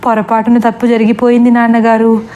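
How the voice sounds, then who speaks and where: A woman's voice: fairly high pitch, completely flat delivery, fairly quick, mellow, close to an everyday voice. A woman voicing a guilty young man who begs his parents tearfully, in a storybook reading. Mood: pleading. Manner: tearful, pleading.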